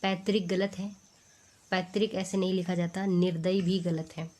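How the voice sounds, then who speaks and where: A woman works through a spelling lesson at an unhurried pace, saying each word again and again so it sticks. Her voice is soft and mellow, and she explains each point with patient, step-by-step care. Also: fairly low pitch, level tone. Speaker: teacher. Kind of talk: exam-prep spelling lesson.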